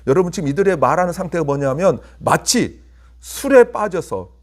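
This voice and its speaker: Korean pastor preaching with rising emphasis. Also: male voice, big pitch swings. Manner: preaching with rhetorical questions, rising to emphatic peaks then dropping low; soft, slow and hushed when leading prayer. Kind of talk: sermon.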